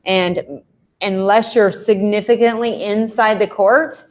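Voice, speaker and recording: A woman's voice: mid-range voice, steady tone, takes it slowly. A woman tennis coach explaining match strategy in a casual live panel chat, with lots of "um" and "like". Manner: explanatory, many fillers like um and like.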